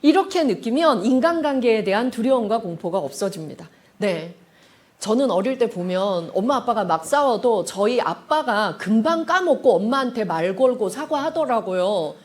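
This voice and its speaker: Animated woman lecturing a live audience. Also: on the high side, normal speed. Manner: animated, leads the audience in repeating phrases; acts out quoted family dialogue. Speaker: counseling lecturer. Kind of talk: public talk-show lecture.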